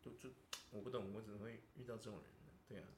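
Venting casually on his podcast, a man with a Taiwanese Mandarin accent keeps tossing in "you know?". He speaks lowish and steady but racing, with background noise and a roomy echo around him.

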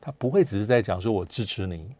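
Low, mellow Taiwanese man analyzing. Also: expressive, quick pace, no room sound. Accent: Taiwanese Mandarin. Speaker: guest academic commentator. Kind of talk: current affairs discussion.

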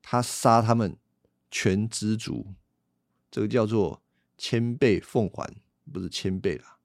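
A man's voice: fairly low pitch, steady tone, slow pace, dry recording, studio quality. A man teaching the Bible on a podcast, explaining things conversationally and asking rhetorical questions.

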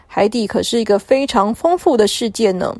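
A woman's voice: mid-range voice, lively intonation, warm tone, no room sound. A woman voicing a friendly ray who guides the children through the sea with cheerful energy. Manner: brisk, cheerful.

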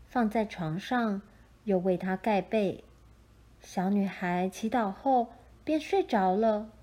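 Reading a children's tale from a script, a woman storyteller uses a mellow, mid-pitched voice. She takes her time, keeping her picture-book narration gentle and measured throughout.

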